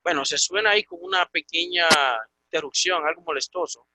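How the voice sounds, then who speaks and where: A man teaching a Greek class over a video call, explaining patiently and repeating words slowly. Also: high voice, bright, forceful tone, dry recording, rough recording. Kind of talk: online class lesson.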